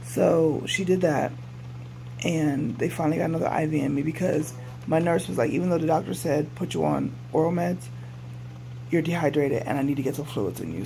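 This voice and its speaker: A man giving a casual, rambling video update as a patient, sounding subdued, halting and weary after surgery. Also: on the high side, gravelly. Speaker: patient vlogger. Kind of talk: casual personal update to camera. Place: hospital room. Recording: noisy room recording with hum.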